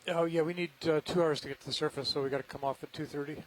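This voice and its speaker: Rapid-talking man on the nav desk. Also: on the high side, fairly even intonation, a little hiss or hum, rough recording. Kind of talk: technical radio chatter.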